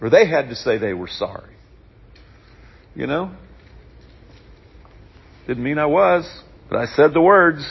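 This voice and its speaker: A man preaching a sermon in church, reading scripture and adding relaxed, conversational asides about everyday life. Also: a little high, measured pace, gravelly, pauses often, slightly rough, highs cut off.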